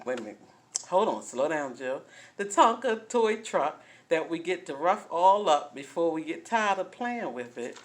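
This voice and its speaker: A woman, talking casually and folksily as host, often checking in with listeners. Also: low-pitched. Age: 50s. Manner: chatty, folksy, keeps asking "right?". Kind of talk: casual talk on relationships.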